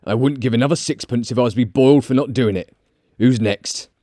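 A man's voice: medium pitch, quick pace, warm tone, dry recording, natural voice. Man playing a sly old rascal shopkeeper. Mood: wry haggling. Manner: chatty, colloquial, wry.

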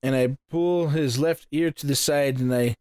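A man casually narrating his actions as a player in a tabletop game, giggly and halting as he works them out. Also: mid-range voice, darkish tone, clear, resonant tone, dry recording, clean studio sound. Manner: giggly, hesitant phrasing.

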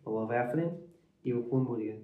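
Young guy, rattling off a story super fast, laughing and cursing, roomy echo. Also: medium pitch, narrow, tinny audio. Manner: animated, laughing, swears freely. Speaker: storyteller among friends. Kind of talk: casual chat.

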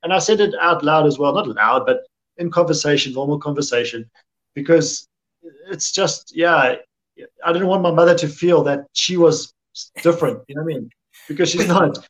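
A man's voice: a little high, normal speed, a bit bright. A man from Africa, chatting casually on a podcast, earnest and repeating phrases for emphasis. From South Africa. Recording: muffled lo-fi audio.

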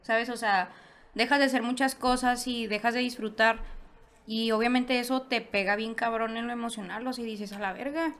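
A Mexican woman in casual conversation, her pitch a bit high. She rambles in slang, piling on fillers and restarts as she works through her thoughts. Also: steady tone, moderate pace, fairly bright tone. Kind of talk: casual chat.

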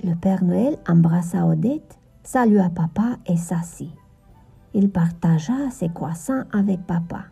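A woman narrating a children's Christmas story in a gentle storytelling manner. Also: lowish voice, animated, measured pace, vocal fry, husky, soft background music.

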